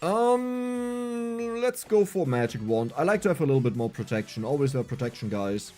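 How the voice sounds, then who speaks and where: A young adult man with a German accent streams a game, reading chat aloud and replying with self-mocking humor. His voice is a little high, mellow, and animated at normal speed, with faint music behind him.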